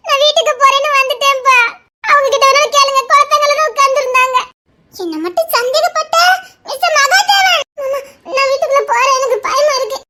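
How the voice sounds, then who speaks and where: Frightened young woman for an audio drama a woman acts her: very high, bright, shaky and tearful. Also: quick pace. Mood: desperate. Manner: tearful, shaky, laughing through sobs. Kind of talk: Tamil serial-style audio drama.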